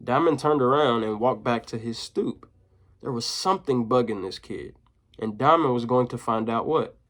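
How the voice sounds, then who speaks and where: A man reading a children's chapter book aloud in a mid-range voice, lively in places. He breaks off for relaxed, slangy comments to young listeners. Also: medium pitch, normal speed. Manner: casual, slangy asides to listeners. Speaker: teacher.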